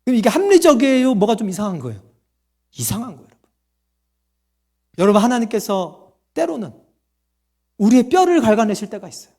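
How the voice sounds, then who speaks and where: A man's voice: extremely high pitch, big pitch swings, brisk, long pauses, a little mellow. A man preaching a sermon as pastor, asking the congregation questions and answering them himself, and acting out quoted voices.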